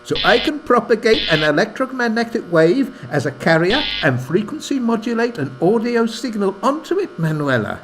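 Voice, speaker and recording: Over music, an actor with a high voice plays an earnest, excitable village man who also narrates a scripted comedy radio play. His manner is theatrical, and he speaks at normal speed with few pauses.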